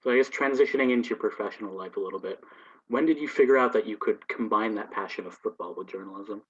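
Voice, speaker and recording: A young man hosting an interview, asking quick friendly questions. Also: lowish voice, slightly rough. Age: young adult. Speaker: podcast host. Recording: distant, dull call audio.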